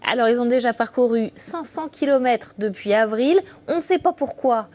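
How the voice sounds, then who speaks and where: A woman's voice: fairly high pitch, lively intonation, moderate pace, darkish tone. A woman presenting a short news item in a conversational television style.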